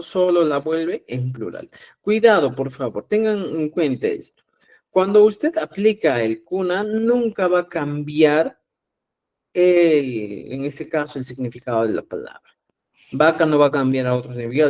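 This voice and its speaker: Male teacher from Peru, patient and repetitive, slightly higher voice, live online class. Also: a little mellow. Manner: patient, repeats "¿ya?" to check understanding. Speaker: Quechua teacher.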